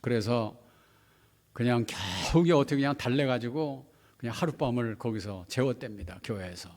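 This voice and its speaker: A male pastor preaching to his congregation, telling a story dramatically and swinging from hushed to loud. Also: mid-range voice, moderate pace, long reverb tail. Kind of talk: sermon storytelling. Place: church hall.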